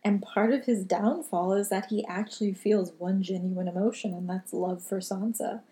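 A woman's voice: mid-range voice, fairly even intonation, normal speed, warm tone. A woman co-hosting a casual chat, easygoing and agreeable, often backing her partner up. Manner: easygoing, agreeable, frequent short affirmations. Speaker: podcast co-host.

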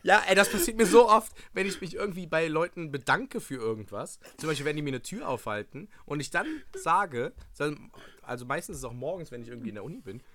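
A young man in his twenties with a hoarse, worn voice rambles through casual podcast chat. He laughs often and trails off into fillers. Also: a little high, animated, quick pace, few pauses, a bit bright. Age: 20s. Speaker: podcast co-host; university student.

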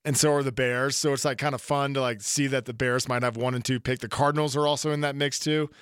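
A man hosting a casual sports podcast, rambling through animated stories. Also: mid-range voice, fast talker, clear, resonant tone, no echo, clean studio sound. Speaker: podcast host.

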